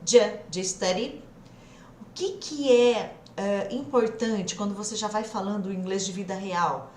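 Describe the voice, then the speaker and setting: Lively Brazilian woman teaching English. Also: on the high side. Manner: lively, coaxing, models English phrases slowly. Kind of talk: live online English lesson. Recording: echoey room, faint background noise.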